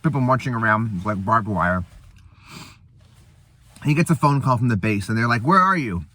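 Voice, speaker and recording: A man's voice: on the low side, moderate pace, a bit bright. A man hosting a casual eating show, rambling and laughing as he retells a movie between bites. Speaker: host. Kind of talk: casual chat.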